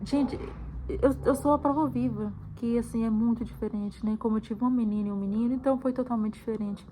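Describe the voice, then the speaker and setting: A woman's voice: fairly high pitch, fairly even intonation, a little fast, dark tone, slight background noise, poor audio. A woman from Brazil recounting a painful personal experience to her viewers, repeating words often and calling out to them directly. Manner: repetitive, emotional, addresses viewers as "gente". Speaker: mother sharing her story. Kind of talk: emotional personal testimony.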